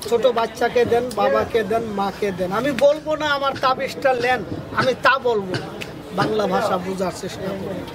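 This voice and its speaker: A man with an extremely high-pitched voice, talking a little fast, works a crowd as a street hawker selling amulets and herbal charms. His sales patter is insistent and repetitive, built from short phrases. He's outdoors at a busy public spot, and the recording picks up loud crowd noise and traffic.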